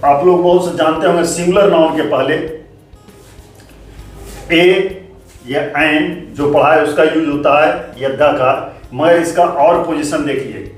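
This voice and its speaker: Man, grammar teacher, slow deliberate explaining, heavy room echo, far from the mic. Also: on the high side, fairly even intonation. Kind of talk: classroom lesson. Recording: very echoey room, voice from far off, faint music.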